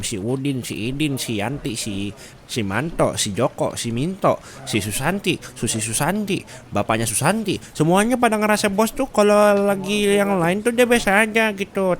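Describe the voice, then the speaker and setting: In a roleplay, a man plays a gossipy, excitable male office coworker, chatting with a Jakarta accent in a slangy, dramatic and rambling way. His voice is high-pitched at a moderate pace, and he sounds gossipy and baffled.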